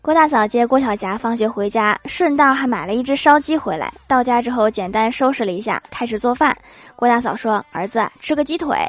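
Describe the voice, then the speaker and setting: A woman's voice: fairly high pitch, a little fast. A woman hosting a comedy podcast, reading short jokes aloud in a playful storytelling manner and chuckling at the punchlines. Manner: playful storytelling, laughing at her own punchlines. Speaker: host of a comedy joke podcast. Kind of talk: reading jokes with acted quotes.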